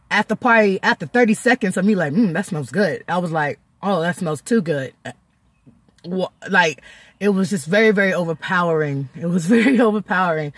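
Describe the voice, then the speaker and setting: In a casual video diary, a woman vlogger chats away emotionally, laughing often while close to tears. Her voice is fairly low, with no echo.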